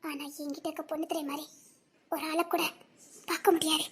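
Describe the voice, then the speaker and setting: A woman's voice: high-pitched, flat delivery, fairly quick, lightly acted. A woman with a Tirunelveli accent playing a devoted young heroine in a dramatic serial, speaking with heartfelt, defiant conviction. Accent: Tirunelveli Tamil. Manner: defiant, then sorrowful and pleading.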